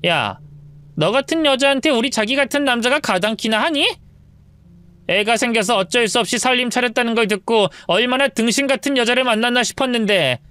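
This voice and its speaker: Woman doing a gloating young mistress, lively mocking delivery. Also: fairly high pitch, no room sound, voice pushed up. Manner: taunting, gloating.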